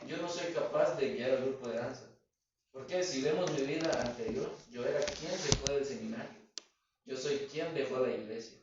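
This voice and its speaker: A man's voice: mid-range voice, slight background noise. Male church speaker, earnest testimony; distant and heavily reverberant. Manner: earnest storytelling, asks himself questions. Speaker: church member giving testimony. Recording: very echoey, distant, dull sound.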